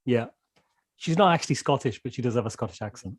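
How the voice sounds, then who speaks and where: A man co-hosting a casual podcast chat, playful and quick to laugh as he asks the guest questions. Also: mid-range voice, animated, a crowd in the background. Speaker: podcast co-host.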